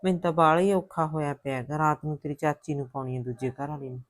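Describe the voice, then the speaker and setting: A woman playing a low-voiced worried mother-in-law. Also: fairly even intonation, quick pace, natural voice. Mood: coaxing. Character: worried older mother-in-law, alone at home. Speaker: mother-in-law calling on the phone.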